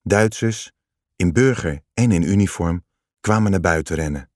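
A man reading a story aloud in calm, measured scripted narration. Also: sits low, dry recording, studio quality.

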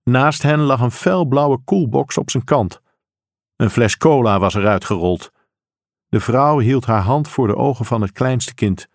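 An audiobook narrator with a mid-range voice reads a crime story aloud in steady, measured scripted delivery. The studio-quality recording has no room sound.

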